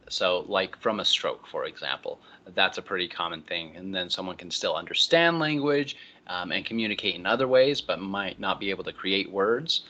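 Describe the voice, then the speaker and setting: Bright-voiced male lecturer, lo-fi lecture recording. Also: sits low. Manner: relaxed explaining with frequent ums and uhs.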